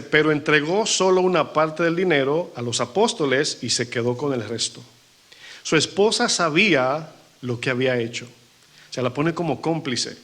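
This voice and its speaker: A man's voice: mid-range voice, fairly bright tone. A male pastor preaching a sermon to his congregation and acting out the people he quotes. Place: church.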